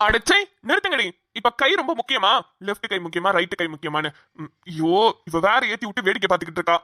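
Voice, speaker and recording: A woman voicing a young cartoon man who is exasperated by two girl cousins, talking in quick complaints. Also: mid-range voice, animated, bright, forceful tone. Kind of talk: cartoon voice acting.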